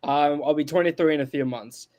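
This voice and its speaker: On a sports podcast, a panelist in his twenties argues in a casual sports debate with a fairly high, darkish voice at a fairly quick clip. He presses his points emphatically, repeating them for stress.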